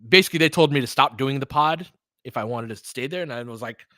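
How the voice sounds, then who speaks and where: Sharp-toned and mid-pitched, the man talks fast over clean, dry studio sound. As a sports podcast host and play-by-play streamer, he chats casually and unscripted with his listeners, rambling earnestly and cursing freely.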